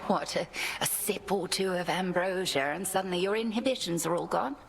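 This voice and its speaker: A stern, ancient witch goddess in a video game, cool and formal as a strict mentor. Her voice sits low with a heavy gravelly rasp, and she speaks in a measured, reserved way. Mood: wry.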